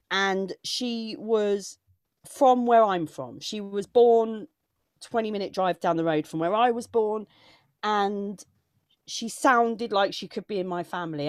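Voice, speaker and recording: A woman's voice: mid-range voice, no echo, studio quality. A woman comedian chatting casually and emotionally, talking in digressive bursts with frequent restarts. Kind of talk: casual chat.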